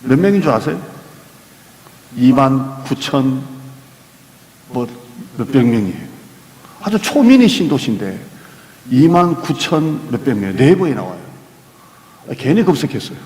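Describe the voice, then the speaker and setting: A man's voice: medium pitch, big pitch swings, a little slow, long pauses, darkish tone. A man preaching a sermon as pastor, emphatic, repeating key phrases and asking the congregation questions. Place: church sanctuary. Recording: echoey church hall with long reverb.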